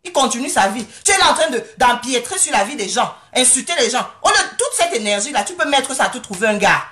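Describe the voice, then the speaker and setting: A woman ranting straight to camera from home, scolding and mocking her critics, often pausing to ask if they understand. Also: fairly high pitch, very animated, bright, forceful tone. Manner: confrontational, scolding, keeps asking "you understand?"; mocking and sarcastic. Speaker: vlogger answering critics. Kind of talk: angry rant straight to camera.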